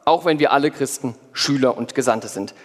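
A man preaching a sermon in first person as one of the apostles, lively, with playful asides to his congregation. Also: medium pitch, a little fast. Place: church hall before a congregation. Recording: long hall reverb.

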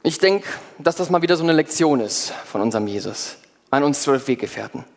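Lively preacher man, booming hall echo. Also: a little fast, creaky. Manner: lively, playful asides to the congregation. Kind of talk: sermon told in first person as one of the apostles. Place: church hall before a congregation. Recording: long hall reverb.

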